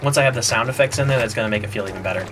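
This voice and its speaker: Rapid-fire and mid-range, a man's voice cuts through heavy background noise and music. He's a game developer in a laid-back think-aloud stream, talking through his playtest and trailing off partway through thoughts.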